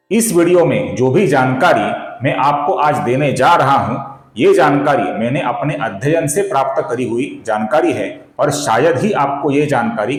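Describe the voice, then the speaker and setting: A man teaching correct pronunciation of Sanskrit verses, chanting them slowly and deliberately and addressing viewers as friends. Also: medium pitch, reverberant, poor audio. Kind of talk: recitation tutorial.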